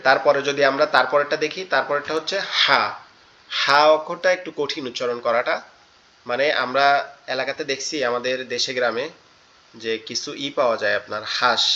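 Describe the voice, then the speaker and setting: Bright-voiced man teaching letter sounds. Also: mid-range voice, muffled recording. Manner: patient, repeats each letter sound slowly. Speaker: Quran tajweed teacher. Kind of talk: online class instruction. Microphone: online class audio.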